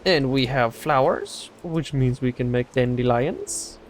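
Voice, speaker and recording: A man's voice: medium pitch, measured pace, a little hiss or hum. A young man hosting a casual let's play, rambling through his plans with sarcastic asides and frequent laughs. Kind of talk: casual gameplay chat.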